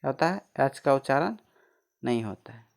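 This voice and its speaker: A man's voice: medium pitch, animated, creaky. A man teaching a pronunciation lesson. He spells each word letter by letter, asks questions and answers them himself. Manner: spells words letter by letter, then repeats them slowly.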